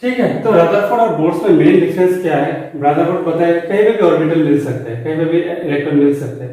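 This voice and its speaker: A man lecturing in a strongly echoing classroom, his voice coming from some distance from the mic. His tone is mellow and a little high, and he explains step by step, mixing in English terms and formulas and quizzing the students along the way. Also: lively intonation, fast talker. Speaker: chemistry teacher. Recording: very echoey room, voice from a distance.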